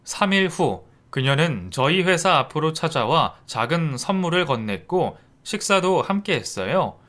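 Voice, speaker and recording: A man narrating a personal story in the first person, in a calm, reflective, confessional way. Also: fairly high pitch, a little slow.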